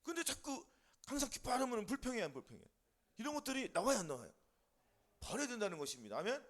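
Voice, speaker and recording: A man's voice: high voice, wildly swooping pitch, fast, a bit bright. A man preaching a sermon as pastor, firing rhetorical questions at the congregation and answering them himself. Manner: call-and-response questions to congregation, rising and falling emphatically.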